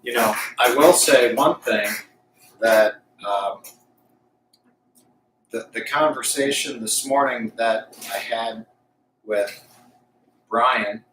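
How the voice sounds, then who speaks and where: A man live streaming casual, unscripted talk, thinking aloud haltingly as he tests a Bluetooth mic. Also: medium pitch, a bit bright. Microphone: Bluetooth lapel mic. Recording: echoey, distant Bluetooth mic, faint noise.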